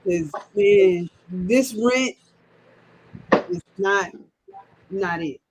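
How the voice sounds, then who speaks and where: A woman in her thirties talks casually on a sports show at a middle pitch. She rants with emphatic repetition, hammering each point more than once. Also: drawn-out words, noisy background. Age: 30s. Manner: chatty, ranting with emphatic repetition.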